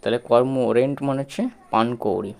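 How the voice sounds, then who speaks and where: A man teaching spelling slowly, breaking words into letters, repeating sounds and checking that students follow. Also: medium pitch, gravelly, a little mellow, slight background noise. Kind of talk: slow spelling lesson.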